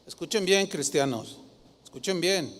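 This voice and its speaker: High-voiced pastor preaching dramatically. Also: male voice, a little slow, long reverb tail. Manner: dramatic preaching, mimics flatterers in a sugary voice. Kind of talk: sermon.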